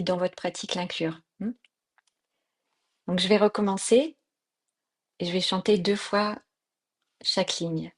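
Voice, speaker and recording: A woman leading an online mantra workshop, patiently explaining pronunciation with frequent fillers, heard through a computer mic on a video call. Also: medium pitch. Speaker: mantra and yoga teacher.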